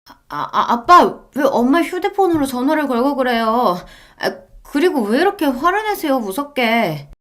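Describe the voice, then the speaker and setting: A woman's voice: high voice, sing-song, moderate pace, pitched above the performer's own voice. A woman voicing a defensive young wife who talks in a whiny, pleading way. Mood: panicked.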